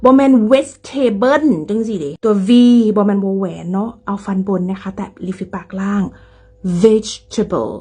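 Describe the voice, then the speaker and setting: Breathy woman with Isan Thai accent. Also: medium pitch, steady tone, a little fast, few pauses, dark tone. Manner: playful, teasing, mixes in dialect. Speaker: English pronunciation teacher. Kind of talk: casual video lesson.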